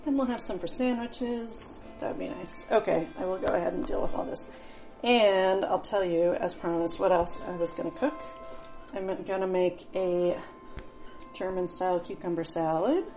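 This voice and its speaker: A woman's voice: fairly low pitch, steady tone, normal speed, dark tone, faint music behind. A middle-aged woman talking casually while she cooks in her home kitchen, thinking aloud and chatting as she works. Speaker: home cook. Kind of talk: casual cooking vlog narration.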